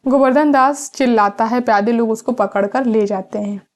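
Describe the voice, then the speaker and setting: Woman reading a play for students, stops to explain every line, slightly high voice. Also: moderate pace. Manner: reads dialogue then paraphrases it plainly. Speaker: literature teacher.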